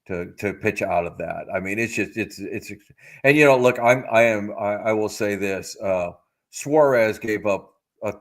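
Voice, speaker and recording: A middle-aged man co-hosting a baseball podcast, talking in a measured, hedging way full of "you know"s. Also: fairly low pitch. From United States. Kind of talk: casual sports chat.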